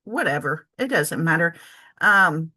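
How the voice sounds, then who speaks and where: A woman's voice: low-pitched, expressive, unhurried, sharp tone, husky. A woman giving a casual spreadsheet tutorial for her travel business, chatty and thinking aloud with lots of ums and self-corrections. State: has the hiccups. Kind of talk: casual screen-share tutorial.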